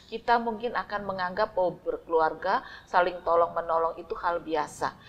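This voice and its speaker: A woman giving a calm, unhurried storytelling devotional to a congregation. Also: on the low side, muffled recording. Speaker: church devotional speaker.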